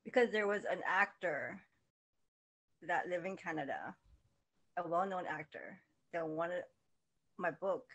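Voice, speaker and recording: A woman chatting as a podcast guest, talking in halting bursts full of restarts and fillers. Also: fairly low pitch, animated, a bit bright. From lives in the United States. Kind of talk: casual interview chat.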